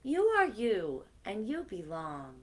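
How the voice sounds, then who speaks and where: With big pitch swings around a medium register, a woman reads slowly and expressively to children at story time, pausing to chat with her young listeners.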